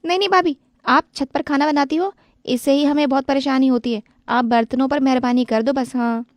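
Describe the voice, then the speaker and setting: High whiny cartoon sister-in-law, woman voicing, nagging and pleading, dry close sound. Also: steady tone, brisk, dry recording, natural voice. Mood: complaining.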